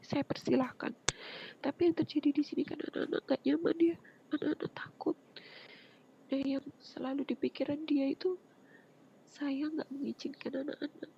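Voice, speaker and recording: A woman, earnestly telling her personal story as an interview guest, often dropping into a soft breathy whisper. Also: high voice. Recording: muffled lo-fi with faint background noise.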